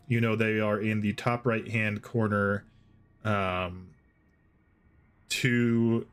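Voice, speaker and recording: A man's voice: fairly low pitch, fairly bright tone. A man acting as game master, explaining rules and the map step by step to his players. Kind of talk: narrating a tabletop game.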